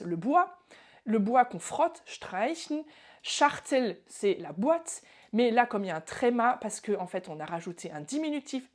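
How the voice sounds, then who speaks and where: A woman teaching a video lesson, explaining pronunciation in a lively way, speaking straight to the viewer and slowing down to model example words. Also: mid-range voice. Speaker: German language teacher.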